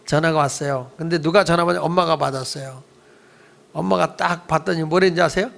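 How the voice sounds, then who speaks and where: A man's voice: a little high, steady tone, brisk, creaky, fairly bright tone. A male pastor preaching a youth service sermon in a conversational storytelling way, asking the congregation questions.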